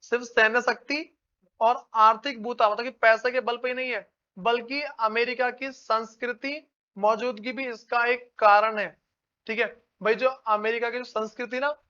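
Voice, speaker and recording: A male teacher gives an informal lecture with a very high-pitched voice. He talks to his students like friends and keeps checking that they follow. The recording sounds dull and lo-fi. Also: pushed and bright, clean tone. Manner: calls listeners "brother".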